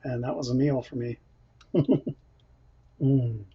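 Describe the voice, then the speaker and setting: A man's voice: mid-range voice, slow, slightly rough. A man hosting a casual cooking livestream from his home kitchen, chatting and reading out viewer comments as he eats. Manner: chatty, reads out viewer comments, laughs often. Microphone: built-in camera microphone. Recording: dull lo-fi camera mic audio.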